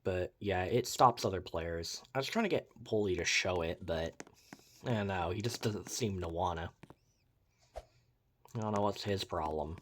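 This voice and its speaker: Young male reviewer with a lower voice, talking loosely over gameplay, with wry asides. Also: unhurried, slight background noise. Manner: rambling, uses many fillers like "like" and "uh"; wry, mildly sarcastic asides. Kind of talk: casual game commentary over gameplay.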